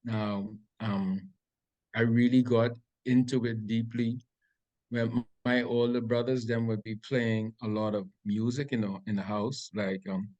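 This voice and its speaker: Chill bahamian guy answering questions slowly with lots of ums, middle pitch. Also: level tone, darkish tone, lo-fi sound. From Grand Bahama, Bahamas. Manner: laid-back, hesitant with many ums and restarts. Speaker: interview guest, reggae artist. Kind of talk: casual interview answers.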